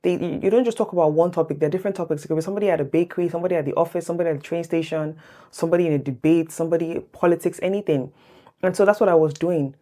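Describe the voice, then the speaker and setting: In rapid-fire delivery with a fairly low pitch, this woman in her thirties chats to camera about her exam, offering tips as a vlogger. English is her first language, and she laughs easily, stays animated, and addresses everyone as "guys."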